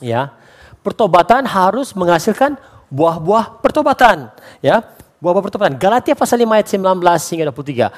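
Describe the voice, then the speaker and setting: Animated Bornean pastor, slightly high voice. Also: male voice, a little fast. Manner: animated, mixes English phrases into his preaching; acts out quoted voices for humor. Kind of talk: lively sermon.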